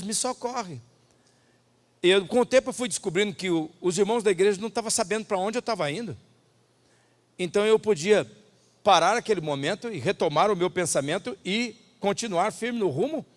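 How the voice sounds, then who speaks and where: Emphatic Brazilian pastor in a reverberant hall. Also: male voice, high-pitched. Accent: Brazilian Portuguese. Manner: emphatic, swings between loud declarations and hushed asides. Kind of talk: sermon. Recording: long reverb of a large hall.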